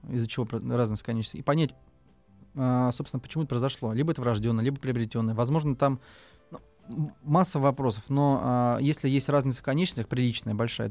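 A man's voice: medium pitch, fast, darkish tone, soft background music. A man working as a trauma surgeon, answering listener questions on radio, talking with many fillers and restarts.

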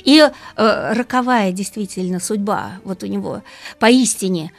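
A woman guest speaking as a music expert, explaining things lively and asking rhetorical questions. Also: medium pitch, measured pace, vocal fry. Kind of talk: radio talk about opera.

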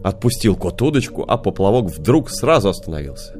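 A man narrating children's fairy tales as an audiobook, in a lively, expressive storytelling manner. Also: low-pitched, brisk, faint music behind.

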